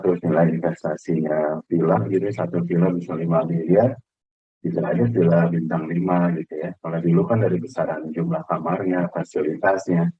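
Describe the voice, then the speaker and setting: An Indonesian lecturer with a very low, slightly husky voice talks students through his lesson in a loose, conversational manner. He comes through a video call with a dry, dull, lo-fi sound. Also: dry recording. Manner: relaxed, conversational, frequent fillers. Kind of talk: online class lecture.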